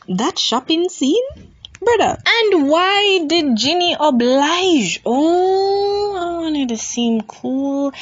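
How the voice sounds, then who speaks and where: A woman's voice: mid-range voice, no echo, dull audio. A woman giving a blunt, sarcastic rant while reviewing a TV show.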